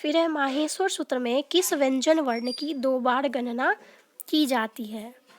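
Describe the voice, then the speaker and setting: A Sanskrit teacher with a high-pitched voice goes through quiz questions a little slowly, explaining each answer step by step and often checking in with her students. There's slight background noise.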